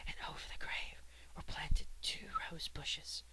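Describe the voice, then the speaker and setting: A storyteller reading old legends in a soft ASMR whisper, breathless, with chatty asides full of fillers. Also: unhurried.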